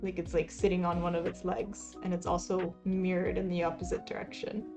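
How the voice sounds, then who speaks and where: A woman from Palestine streaming while she cross-stitches, chatting casually with viewers, reading chat aloud and laughing softly. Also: on the low side, flat delivery, a little fast, creaky, music in the background. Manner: laid-back, chatty, frequent soft laughs, reads chat aloud. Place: home, lives in Taiwan.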